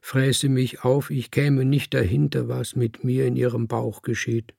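A man reading aloud voices a naive young tomcat brother who asks earnest, eager questions, in a gravelly, husky voice. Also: mid-range voice, level tone, unhurried, darkish tone, no echo, clean studio sound, full character voice.

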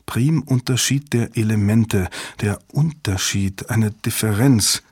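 A man's voice: on the low side, takes it slowly, a little mellow, husky, no room sound, clean studio sound, full character voice. A man voicing a thoughtful female cryptographer who reasons aloud in an audiobook reading. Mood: musing.

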